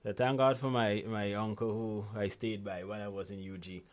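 Here the Guyanese money-habits coach has a lowish voice and talks at normal speed. As a guest in a conversational interview, he tells animated stories and leans on frequent "right?" tags.

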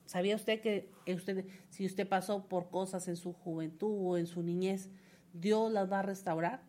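A woman's voice: mid-range voice, steady tone, measured pace, mellow. A woman preaching a sermon in a fervent, rising manner, often repeating words for emphasis. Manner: fervent, builds to emphatic repetition.

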